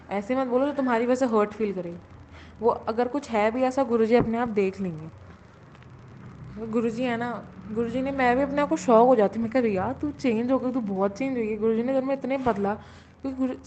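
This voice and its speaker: A woman's voice: a little high, darkish tone. A young woman in her late teens giving an earnest devotional testimony. She often repeats herself and starts her sentences over. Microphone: self-recorded audio. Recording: muffled lo-fi audio with faint hiss.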